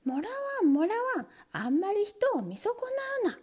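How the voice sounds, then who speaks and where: A coaxing talking mousetrap from a storybook, its voice pitched high and wheedling, as a woman puts it on. The tone is mellow and the pitch leaps about as it lures its prey. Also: very animated, a little slow, exaggerated voice. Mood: indignant. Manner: sweet wheedling high voice, curt when annoyed. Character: coaxing talking mousetrap, sly then sulky.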